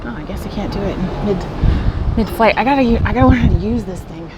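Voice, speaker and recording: A woman's voice: mid-range voice, quick pace, heavy background noise. A woman giving a casual, chatty walking tour as a vlogger, rambling informally as if to a friend. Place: walking around an open cruise ship deck.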